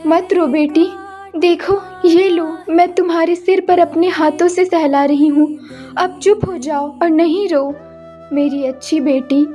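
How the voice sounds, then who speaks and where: A woman voicing a caring middle-aged mother who soothes and gently scolds her daughters, over background music. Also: very high-pitched. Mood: soothing. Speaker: voice actor. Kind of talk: dubbed cartoon acting.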